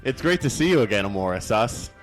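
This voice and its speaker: A man voicing a sweet, popular teenage girl in close to his normal voice, with a smooth, sweet delivery. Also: mid-range voice, big pitch swings, quick pace, soft background music, lightly acted.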